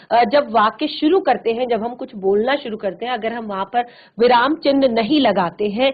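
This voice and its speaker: A woman Hindi teacher leading a virtual classroom lesson, explaining slowly and deliberately with frequent pauses. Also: a little high. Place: studio. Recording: tinny, phone-like narrow sound.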